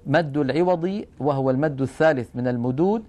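A middle-aged man giving a classroom-style lesson, explaining patiently and drawing out example words slowly. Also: medium pitch, mellow. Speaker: Quran recitation rules teacher.

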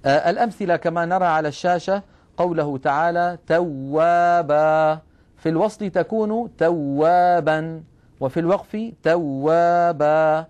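A middle-aged man giving a classroom-style lesson, explaining patiently and drawing out example words slowly. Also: high-pitched, darkish tone, highs cut off. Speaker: Quran recitation rules teacher.

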